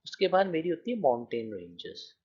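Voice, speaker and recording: A man's voice: fairly high pitch, sing-song, a little fast, darkish tone, breathy edge, highs cut off. A man teaching a grammar lecture, explaining with counted examples and often checking that students follow.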